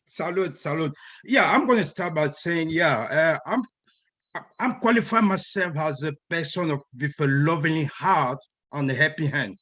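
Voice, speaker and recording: A fairly high-voiced man speaks to an online meeting. He is earnest and halting, and he stumbles over repeated words as he gathers his thoughts. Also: a bit bright. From Cameroon. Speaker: guest speaker. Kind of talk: online group meeting talk.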